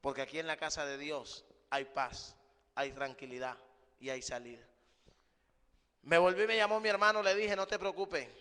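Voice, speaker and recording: A man preaching a sermon, emphatic, often rising and then dropping to a hush, calling his listeners brother. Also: on the high side, clear, resonant tone. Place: church hall. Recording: live stream with long hall reverb.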